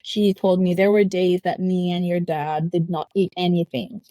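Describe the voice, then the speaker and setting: A young woman from Lebanon talks through her upbringing in a reflective, casual way, often breaking into a quick laugh. Her voice is mellow and warm, recorded dry and close. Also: lowish voice, little pitch movement, no echo. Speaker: guest. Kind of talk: casual interview chat. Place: home.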